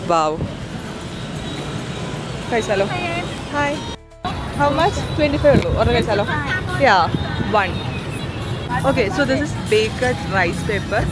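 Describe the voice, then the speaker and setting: A Malayali travel vlogger chatting casually to viewers, switching between Malayalam and English. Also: medium pitch. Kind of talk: travel vlog narration, casual chat. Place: busy city streets and a cafe. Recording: noisy outdoor city traffic behind.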